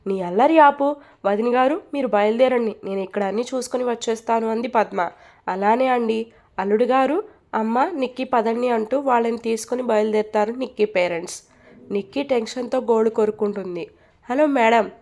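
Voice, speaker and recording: A woman's voice: a little high, gravelly, darkish tone. A woman narrating a romance story aloud, reading all the characters' lines herself with light acting. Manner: reads all parts, lightly acting dialogue.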